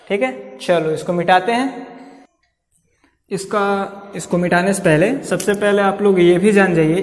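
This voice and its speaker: High-voiced physics teacher in a roomy space. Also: male voice, darkish tone. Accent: Uttar Pradesh Hindi. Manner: repeats key terms with many "ठीक" checks, coaxing students. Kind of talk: blackboard lecture.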